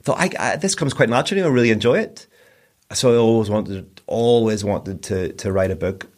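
Low-voiced Northern Irish man, rambling. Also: fairly quick, a little mellow. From Northern Ireland. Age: 40s. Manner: rambling, self-deprecating, frequent restarts. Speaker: guest, broadcaster and DJ. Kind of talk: casual interview chat.

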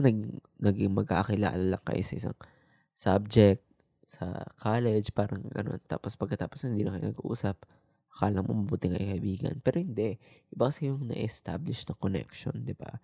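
A young man talks in a low, relaxed, reflective way, as if he were confiding in the listener. His voice is dark and gravelly with creak, and his pitch sits low. The sound is dry and close, with no room behind it. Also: normal speed, pauses often, no echo. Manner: soft, low, relaxed talk that mixes Tagalog and English, with frequent "di ba?". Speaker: vlogger. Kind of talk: casual reflective monologue.

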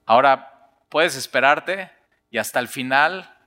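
A man's voice: mid-range voice, lively intonation, measured pace, pushed and bright, in a large hall. A male pastor preaching a sermon, earnest and emphatic.

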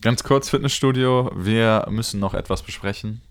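A man's voice: lowish voice, moderate pace. A young man, co-hosting a podcast in casual chat, with blunt, slangy banter. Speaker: podcast co-host.

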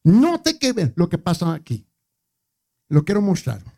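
A male preacher delivers a sermon in a chatty manner, joking with the congregation. He leans on repeated words for emphasis. His slightly high voice has a gravelly grain and a husky edge. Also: huge pitch swings, unhurried, warm tone.

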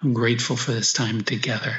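In slow, reflective short phrases separated by pauses, a male priest guides meditation and prayer, reading from the gospel as well. His mid-pitched voice is a bit bright and fairly even in intonation. The room is echoey and the audio a little dull.

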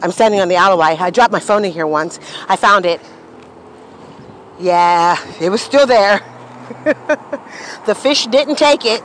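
Tipsy woman, rambling and cussing, recorded on a phone on a street with traffic rumbling behind. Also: measured pace, long pauses, a bit bright, poor audio. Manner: rambling, profane, storytelling. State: a little tipsy. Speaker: podcast host. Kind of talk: casual walking monologue. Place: outdoors on a city street. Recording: street noise with passing traffic.

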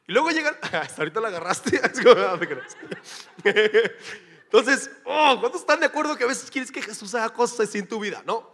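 A man's voice: very high-pitched, lively intonation, fairly quick, a bit bright. A man with a Mexican Spanish accent preaching a sermon as pastor, in a casual, joking, slangy way. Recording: long hall reverb.

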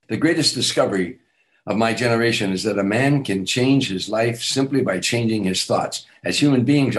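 A man's voice: on the low side, low-quality recording. An older man, an author and teacher, giving an earnest motivational talk in an interview, repeating affirmations with emphatic lifts on key phrases. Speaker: guest speaker, author and teacher.

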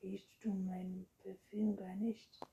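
Woman narrator playing a smitten vampire girl, soft whispery storybook voice, dull lo-fi sound. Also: mid-range voice, little pitch movement, slow, vocal fry. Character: young female vampire girl, smitten and chatty.

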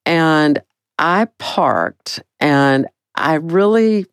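An older woman with a very deep, gravelly voice tells a personal story. She is animated and self-mocking, and her pitch jumps high at dramatic moments. The sound is dry and close, with no room around her. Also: very slow, no echo.

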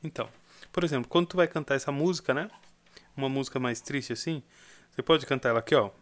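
A man's voice: medium pitch, quick pace, soft background music. A young Brazilian man giving a casual singing lesson, explaining and singing short demo phrases. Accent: Brazilian Portuguese. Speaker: singing teacher.

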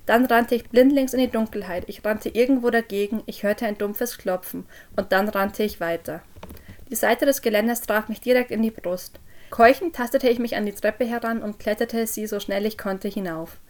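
A woman narrating a creepy first-person story for a podcast, dropping low and quiet on the eerie moments. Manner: drops low and quiet on eerie lines, raises voice for called-out quotes. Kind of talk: scripted horror story narration.

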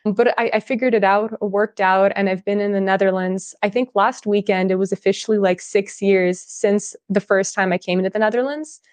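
A woman's voice: medium pitch, steady tone, moderate pace, hardly any pauses, dry recording. A woman born in Russia and raised in California, speaking as a podcast guest, telling stories in a chatty way with lots of "like". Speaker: podcast guest, business owner. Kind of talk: casual podcast interview.

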